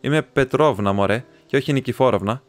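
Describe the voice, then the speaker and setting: A man's voice: medium pitch, soft background music, close to an everyday voice. Cheeky young servant girl , read by a man. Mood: teasing.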